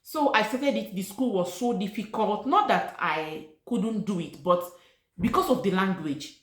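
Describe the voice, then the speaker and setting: A middle-aged Nigerian woman, a native Igbo speaker, tells her personal story to camera as a vlogger, casual yet earnest, repeating key words for emphasis. Her mid-range voice is unhurried, and the room sounds echoey.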